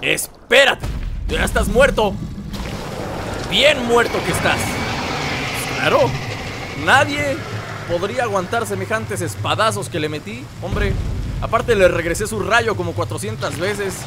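A man with a Mexican accent commenting on a video game as he plays, joking and shouting at the screen. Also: high voice, expressive, a little slow, pauses often, noisy background. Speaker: gameplay host. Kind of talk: let's play commentary. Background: game music.

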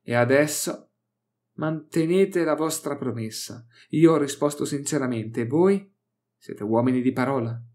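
A man's voice: medium pitch, unhurried, a little mellow, voice pushed up, close to an everyday voice. A man voicing a gleeful, scheming male scholar of alien lore, mocking and triumphant in a theatrical way.

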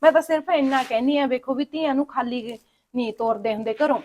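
A woman with a Punjabi accent, acting in a family short film, coaxing and pleading to smooth things over. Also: sits high, steady tone, fast, darkish tone. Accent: Punjabi (Malwa). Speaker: actor playing a sister-in-law.

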